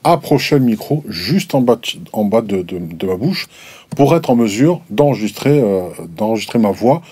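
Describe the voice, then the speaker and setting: A man with a low, mellow voice and a slightly husky edge, talking through his microphone tests. He explains things casually and stumbles over his words, with frequent restarts and fillers. The sound is dry and close, with little room around it. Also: expressive, normal speed, no room sound. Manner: hesitant, many restarts and fillers. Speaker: gear reviewer. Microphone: desk microphones at a distance, switched between.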